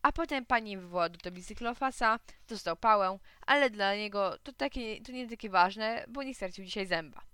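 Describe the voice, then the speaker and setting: A woman reads a children's story aloud, telling it in first person as a little boy. Her voice is bright and crisp, with lively storybook expression. The sound is dry and close. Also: mid-range voice, a little fast, hardly any pauses, dry recording.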